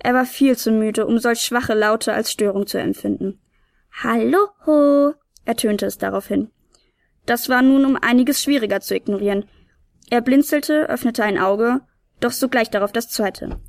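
A woman reads a storybook aloud in a calm, even manner. Her voice sits a little high. The recording is close and dry, with no room around it. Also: moderate pace, no room sound. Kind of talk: scripted storybook narration.

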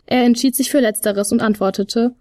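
A woman reads a storybook aloud in a steady, expressive way. Her voice sits a little high. The recording is dry and close. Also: normal speed, dry recording. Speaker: narrator. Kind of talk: storybook reading.

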